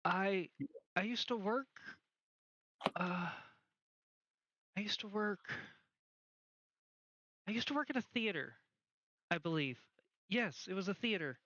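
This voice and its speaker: A man's voice: sits high, lively intonation, slow pace, long pauses, pushed and bright, no echo, highs cut off, pitched above the performer's own voice, heavily acted. A man voicing a small lost ghost girl trapped in a book, talking hesitantly and stammering as she pleads for help. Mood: wistful.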